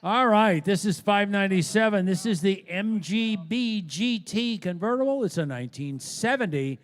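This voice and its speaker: A man's voice: sits high, lively intonation, normal speed, big-room sound. A man working as an auction announcer, describing lots and giving live commentary.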